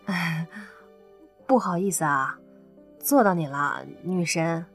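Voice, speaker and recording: 一名女子在有声书中为一个战战兢兢、低声道歉的年轻男子配音，说话犹豫结巴。. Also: female voice, on the low side, slow, over music, voice pushed down. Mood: sheepish. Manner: meek, hesitant, stammering. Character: timid young man apologizing sheepishly. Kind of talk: audiobook character voice.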